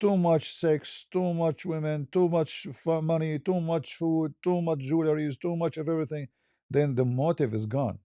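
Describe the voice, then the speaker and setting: A man answers questions in an easygoing monologue, his voice on the high side, mellow, clear and resonant, at a moderate pace with no echo. He debates religion online and speaks plain non-native English, often going back to restart or repeat words.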